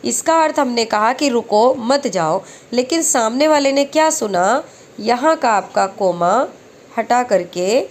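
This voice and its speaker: A woman teaching exam-prep lessons who recites verse slowly and then explains each question step by step. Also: a little high, slight background noise.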